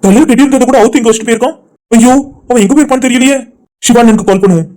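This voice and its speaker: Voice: medium pitch, racing, over loud music, natural voice. A voice artist voicing a worried, protective male friend in a cartoon drama, anxious and urging. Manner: anxious, scolding then soothing.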